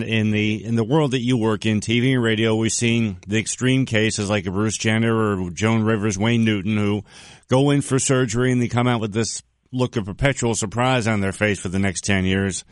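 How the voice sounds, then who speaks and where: A man hosting a radio interview show, easygoing and quick to laugh along with his guest. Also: lowish voice, dry recording.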